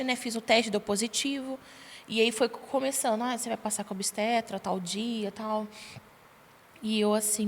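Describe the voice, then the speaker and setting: A young adult woman, a podcast guest, tells her personal testimony in a lively way and acts out the dialogue she quotes. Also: on the high side. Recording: long reverb, faint background noise.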